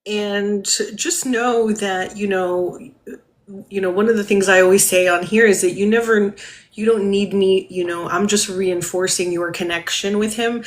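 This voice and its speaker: Gentle hesitant woman medium. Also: mid-range voice, steady tone, a little slow. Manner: gentle, hesitant, many fillers and laughs. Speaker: medium giving a reading. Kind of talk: live-stream spirit reading.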